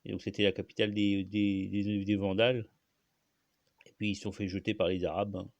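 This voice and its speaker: A man's voice: fairly low pitch, level tone, brisk, no echo. A man hosting his own channel, talking alone in a rambling, casual way, full of fillers and restarts. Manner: rambling, many fillers and restarts, frequent coughs. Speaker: channel host. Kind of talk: casual solo monologue.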